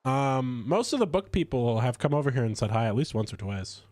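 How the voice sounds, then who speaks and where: A man chatting casually while streaming a game, stuffy from a cold, rambling with lively swings in pitch. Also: brisk, dry recording, studio quality. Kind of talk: casual gameplay commentary.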